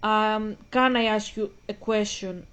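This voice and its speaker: A woman of twenty-five from Greece, whose first language is Greek, rambles through casual English commentary aimed right at her viewers, often interrupting herself. Her medium-pitched voice is clean and a bit bright, with fairly even intonation at a measured pace.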